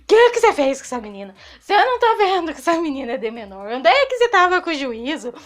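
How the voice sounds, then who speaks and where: A stern Brazilian mother with a Brazilian Portuguese accent scolds her grown son in an indignant tone, as a woman puts her on in a story. The voice stays high and close to the storyteller's own. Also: very animated, quick pace, a bit bright. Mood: scolding.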